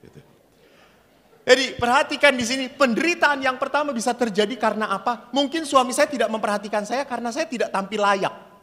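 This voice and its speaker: Bright, lively-voiced priest in echoing hall. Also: male voice, very high voice, a little fast. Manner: jokey storyteller acting out dialogue. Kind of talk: humorous sermon with storytelling. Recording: reverberant hall.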